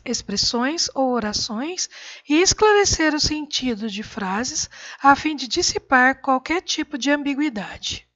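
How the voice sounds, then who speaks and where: Measured woman reading a lesson. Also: on the high side, a bit bright, lo-fi sound. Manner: measured, clear reading with deliberate pauses. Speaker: teacher. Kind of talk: scripted lesson narration.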